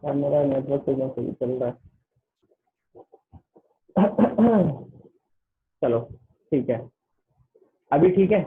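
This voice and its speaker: A man's voice: medium pitch, lively intonation, slow pace, pauses often. A man tutoring students in a casual online class, rambling and repeating "okay" after nearly every phrase. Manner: repeats "ठीक है" constantly, loose and rambling. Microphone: online class call. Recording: tinny phone-line audio.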